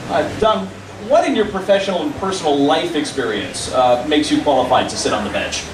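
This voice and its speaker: A man's voice: fairly high pitch, lively intonation, fairly quick. A man moderating a forum, asking a candidate a question with some hesitation. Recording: distant, roomy, noisy room recording.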